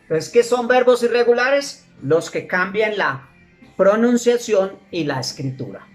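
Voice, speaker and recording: A woman teaching English grammar, slowly repeating English words for her students to drill. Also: mid-range voice, expressive, soft background music. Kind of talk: classroom grammar lesson.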